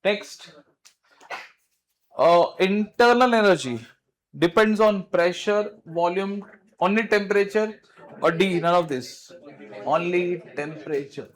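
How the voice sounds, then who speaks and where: Here a high-voiced man teaches physics, moving briskly and peppering his students with questions. He comes across as informal and straightforward, in the style of a coaching-class teacher.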